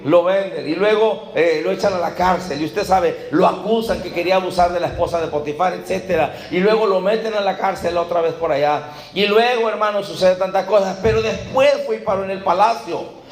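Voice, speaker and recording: A Mexican man preaching a sermon in a church, with a fairly high voice. He keeps asking the congregation questions and acts out little scenes of Bible dialogue. The room around him is echoey and roomy. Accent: Mexican Spanish. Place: church hall.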